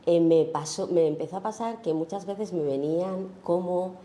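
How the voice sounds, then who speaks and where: A woman's voice: on the low side, normal speed, warm tone, slight background noise. A woman photographer giving an informal talk about her own work, thoughtful and searching, with many fillers and tag questions. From Spain.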